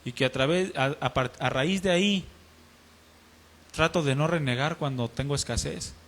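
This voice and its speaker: A man's voice: a little high, moderate pace, a bit bright. A man preaching a sermon, earnestly telling a personal testimony and acting out the dialogue in it. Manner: earnest, acts out dialogue in his story.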